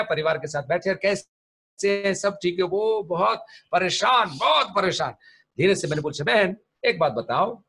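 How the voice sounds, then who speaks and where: A man's voice: fairly high pitch, a bit bright, slightly rough. A man, a pastor teaching a sermon and telling stories, mixing English terms into his speech. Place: church.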